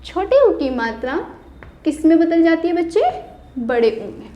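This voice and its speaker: High-voiced indian teacher lady doing a kids hindi lesson, patient, spells words out bit by bit. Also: sing-song, a little slow, dark tone. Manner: asks pupils questions and answers them herself. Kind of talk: online classroom lesson.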